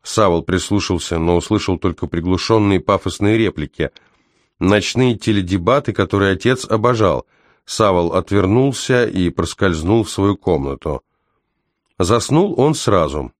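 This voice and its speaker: A man reading a story aloud as scripted narration, measured and tense, slowing down for dramatic moments. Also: low-pitched, expressive, no echo, clean studio sound. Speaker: audiobook narrator.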